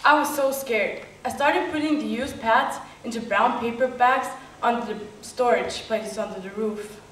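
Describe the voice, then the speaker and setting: A woman's voice: a little high, moderate pace, fairly bright tone, close to an everyday voice. A young woman performing a stage monologue with earnest, confessional telling. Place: stage in a hall. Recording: roomy hall from far off, faint noise.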